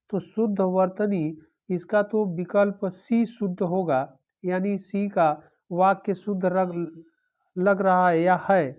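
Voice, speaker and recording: A woman's voice: fairly low pitch, a little mellow. A woman teaching an exam-prep lesson, going through the answer options one by one and repeating them, with a frequent "okay".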